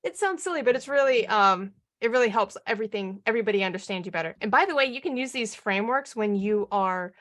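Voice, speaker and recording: A woman coaching a live online marketing training, energetic and upbeat, often firing questions at her audience. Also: medium pitch, fast talker, few pauses.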